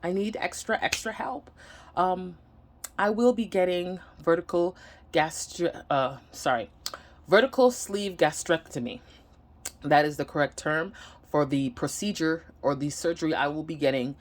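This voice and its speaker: A woman with a Nigerian accent speaks in a low, unhurried voice. She's a vlogger at home giving a casual, candid personal update to the camera, earnest and slightly hesitant.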